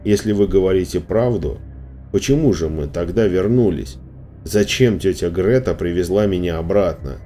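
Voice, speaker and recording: A man voicing a frightened girl of about twelve who squeaks and stammers in a trembling voice. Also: moderate pace, dark tone, soft background music, close to an everyday voice. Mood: defiant.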